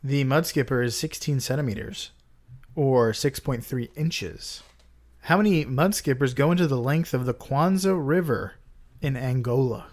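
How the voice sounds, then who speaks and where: A man's voice: mid-range voice, normal speed, darkish tone. A man hosting a casual podcast, reading out trivia questions and hints in a plain, teasing way. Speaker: podcast host. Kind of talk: casual podcast quiz chat.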